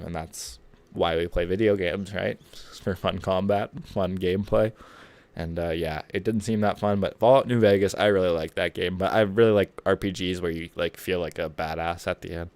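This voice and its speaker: A man with a low, deep voice talks loosely to his viewers while gaming. His chat is rambling and laid-back, full of asides. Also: steady tone, normal speed, a little mellow, smooth, no echo. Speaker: streamer. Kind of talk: casual gaming stream chat.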